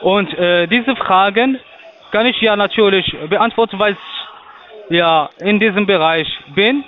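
A call center agent speaks in a high voice, his phrasing halting and long-winded. His voice comes through a thin, tinny phone line. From Portugal. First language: Portuguese.

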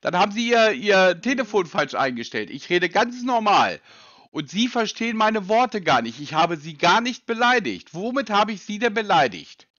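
Man, high lively voice, bright and dry, dull lo-fi sound, pedantic and sarcastic on the phone. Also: moderate pace, dry recording. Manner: insistent, pedantic and sarcastic questioning. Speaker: person being called by a sales agent. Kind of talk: phone call argument.

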